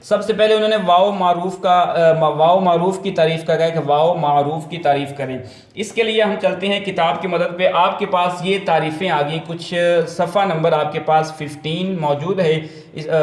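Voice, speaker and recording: A man teaching a first-grade reading lesson to parents and tutors, with a Pakistani accent. He explains patiently, repeats himself, and sounds out letters slowly. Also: fairly high pitch, roomy sound.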